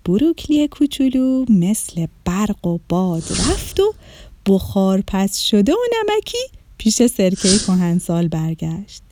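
A woman narrating a children's story in an expressive, gentle storytelling voice. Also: mid-range voice, no room sound, studio quality.

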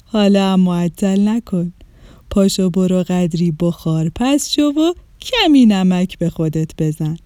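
A woman voicing an ancient, kind vinegar in a storybook, soothing and gentle. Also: fairly low pitch, no room sound, clean studio sound, close to an everyday voice. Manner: warm, soothing, slow.

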